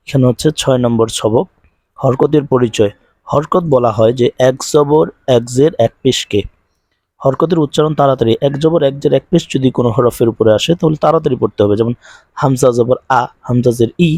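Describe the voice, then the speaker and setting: A man with a Bangladeshi Bengali accent teaching Quran reading in a recorded lesson, explaining quickly and then drilling syllables slowly. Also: medium pitch, a little mellow, dry recording, clean studio sound. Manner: quick explanations, slow drawn-out recitation drills.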